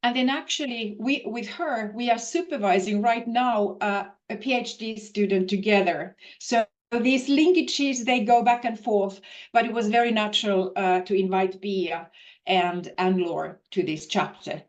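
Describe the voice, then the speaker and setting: A Finnish woman who works as a professor answers questions in a video-call interview, thoughtfully and with many fillers and restarts. Her voice is mid-range and a little slow.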